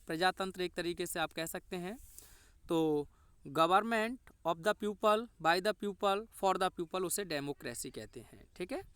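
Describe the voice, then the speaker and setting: A man's voice: high voice, fairly bright tone, clear, resonant tone, dry recording. A man with a Hindi accent teaching an exam-prep English lesson, explaining step by step and asking and answering his own questions.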